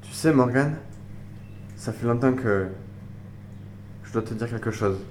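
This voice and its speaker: A man's voice: medium pitch, measured pace, a little mellow, a little hiss or hum, natural voice. An actor playing a lovesick man who declares his love in over-the-top romantic phrases. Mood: crooning.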